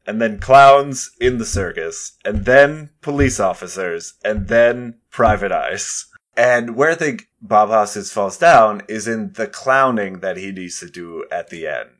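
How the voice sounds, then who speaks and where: A man co-hosting a relaxed film podcast, his voice sitting fairly low. He steers the talk and weighs each point in a measured way. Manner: leads the discussion, measured opinions. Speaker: podcast co-host. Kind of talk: casual chat.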